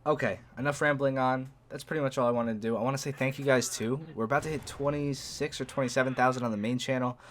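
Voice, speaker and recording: A man's voice: medium pitch, steady tone, quick pace, few pauses, a little hiss or hum. A young man with a New York accent, a gaming video host chatting casually and rambling to his viewers over gameplay.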